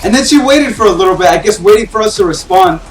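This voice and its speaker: A young man tells a story casually, his voice sitting high. He rambles with "like" at every turn and sounds incredulous. He is off the mic in an echoing room. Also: lively intonation, quick pace. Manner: rambling, many "like" fillers, incredulous. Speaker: vlogger. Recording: roomy and distant, faint music.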